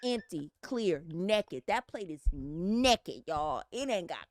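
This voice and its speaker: Lively, animated woman from the Inland Empire. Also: on the low side, slow pace, no echo, studio quality. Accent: Inland Empire California. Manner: loud, animated storytelling with big voice swings. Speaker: podcast co-host. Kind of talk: casual comedic chat.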